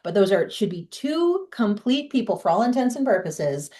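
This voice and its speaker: A woman's voice: medium pitch, big pitch swings, normal speed, mellow. A woman from the Boston area with a faint Boston accent, talking candidly and chattily as an author guest in a podcast interview. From Boston area, USA. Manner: candid, chatty, with fillers and restarts.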